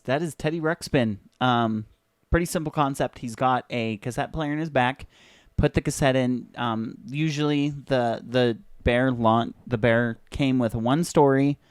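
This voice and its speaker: A man's voice: medium pitch, darkish tone, clean tone, no room sound. Young male commentary host, sarcastic and chatty, dry close recording. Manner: sarcastic, joking, chatty with many fillers. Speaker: video host. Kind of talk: casual commentary on an old commercial.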